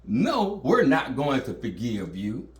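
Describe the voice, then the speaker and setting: A cold, vengeful grown son, as a man puts him on, calmly spelling out threats with a lively rise and fall in his voice. He sounds matter-of-fact and merciless. The voice is heard in an echoey room. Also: medium pitch, slow pace, distant mic.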